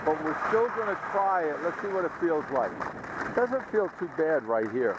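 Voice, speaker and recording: A man giving a chatty, relaxed running commentary while skiing down a slope outdoors, recorded on a helmet-mounted action camera. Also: fairly high pitch, normal speed, muffled recording. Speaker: skiing vlogger. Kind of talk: casual narration while skiing. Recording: loud wind noise on the mic. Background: wind.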